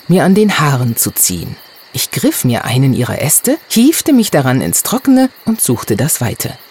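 A narrator reading a children's storybook in the first person, expressive and vivid. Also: medium pitch, slight background noise. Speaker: audiobook narrator.

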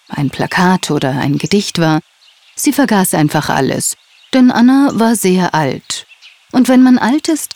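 A woman narrating a children's story in a gentle, expressive way. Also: on the low side.

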